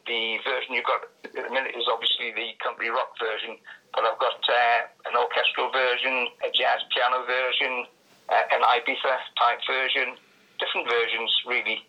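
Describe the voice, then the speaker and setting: A man's voice: medium pitch, sharp tone. Older Northumberland man on a tinny phone line. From Northumberland, England. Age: 60s or older. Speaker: radio phone-in guest, songwriter. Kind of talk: radio interview answers. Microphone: telephone.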